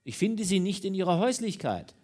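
A man's voice: sits high, very animated, a little fast, a little mellow, voice pushed up. A man reading an audiobook, voicing a formal and insistent male police commissioner who questions people. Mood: stern questioning. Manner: formal, commanding.

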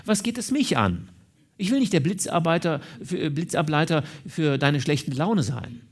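A man reading an audiobook and voicing a proud, quick-tempered young woman who scolds indignantly. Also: mid-range voice, sing-song, darkish tone. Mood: offended. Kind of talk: audiobook character voice.

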